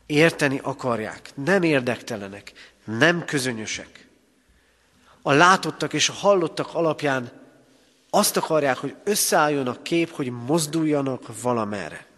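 A man from Hungary delivers a sermon as pastor, stressing key words with rising emphasis and weighty pauses. His voice sits at a middle pitch. The recording carries the long reverb of a church hall. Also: animated, a bit bright. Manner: emphatic preaching with pauses and rises.

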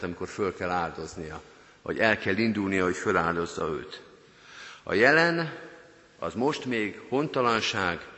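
A man's voice: deep voice, bright, forceful tone. Earnest male pastor preaching in a church. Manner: earnest, addresses the congregation directly. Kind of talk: sermon. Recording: long church reverb.

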